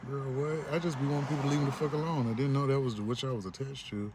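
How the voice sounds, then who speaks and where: A man's voice: mid-range voice, fairly even intonation, very fast. A man vlogging in a blunt, profane rant, often acting out what other people say. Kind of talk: ranting monologue. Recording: vehicle noise in background.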